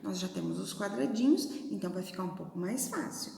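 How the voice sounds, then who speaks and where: A Brazilian woman teaching young children in a recorded video lesson, patiently sounding out syllables slowly and using gentle diminutives. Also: on the low side, wildly swooping pitch, slight background noise. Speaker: primary school teacher. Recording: echoey room with long reverb.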